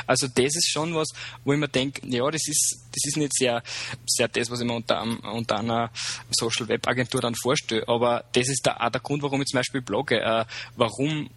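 Man, Upper Austrian accent, husky voice, hesitant casual talk, plenty of fillers. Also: mid-range voice, fairly bright tone. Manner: hesitant, many fillers and restarts. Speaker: guest, social media consultant.

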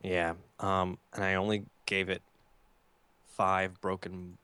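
A man co-hosting a casual podcast, relaxed and joking, with an easygoing delivery. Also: deep voice, takes it slowly, smooth, no room sound. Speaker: podcast co-host. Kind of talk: casual chat.

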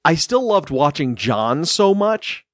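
A man co-hosts a casual podcast, talking in an enthusiastic, playful way. His pitch swings widely as he speaks. The recording is dry and close, with no room around it. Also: sing-song, takes it slowly, fairly bright tone, dry recording. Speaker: podcast co-host.

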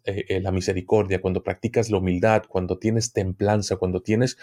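This occultism expert speaks in a lowish, warm voice as an interview guest. He explains at length, frequently repeating words as he hunts for what he wants to say.

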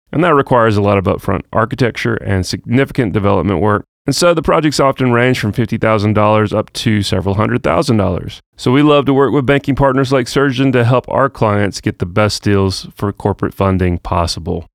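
A man's voice: lowish voice, creaky, dry recording, studio quality. A man hosting a business interview show, moving from a scripted promotional intro into upbeat casual conversation. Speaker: podcast host.

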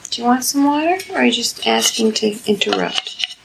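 A woman's voice: on the high side, a little fast, creaky, noisy background. A woman researcher coaching a parrot, with a coaxing, praising, sing-song manner. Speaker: animal researcher.

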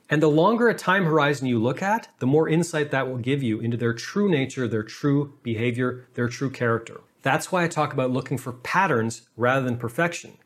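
A man hosting his own channel, giving relationship advice in an emphatic solo talk and repeating key phrases for stress. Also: medium pitch. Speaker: relationship coach and channel host.

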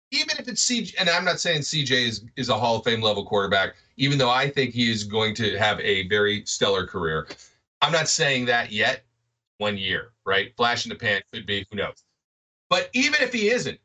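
A man's voice: high voice, recorded from a distance. A man co-hosting a sports podcast, arguing in casual chat and checking in with "right?" over and over. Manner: animated, keeps asking "right?". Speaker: podcast co-host.

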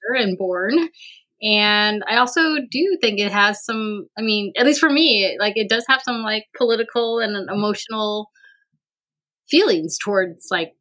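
As a guest on a casual podcast, a university administrator from Vietnam talks in a medium-pitched, sharp-toned voice at normal speed. Her speech is hesitant and riddled with fillers and restarts, punctuated by frequent laughter.

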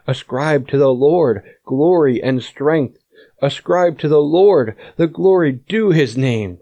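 A man reading scripture aloud in a measured, solemn way. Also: medium pitch, dark tone, no echo. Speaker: scripture reader. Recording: dull lo-fi audio.

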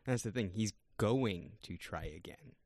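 A man co-hosting a casual podcast who hesitates and thinks out loud while he talks. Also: on the low side, animated, measured pace, dry recording, studio quality. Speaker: podcast co-host. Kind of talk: casual TV episode discussion.

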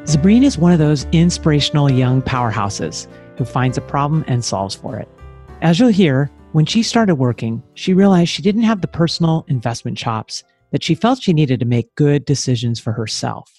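A man's voice: on the high side, expressive, moderate pace, darkish tone, breathy edge. A man co-hosting a podcast, reading a polished scripted introduction and asking interview questions. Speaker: podcast co-host. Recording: dry close studio mic with faint music.

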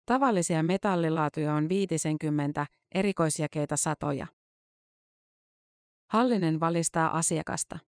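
A woman reporter reading a scripted news-feature narration in a measured, matter-of-fact way. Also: low-pitched, a little mellow, no room sound, studio quality.

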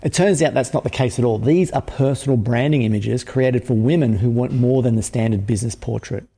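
Host: man, dark mellow tone, measured and earnest, reverb tail. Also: mid-range voice, husky. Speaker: podcast host. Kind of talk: interviewing, scripted intro.

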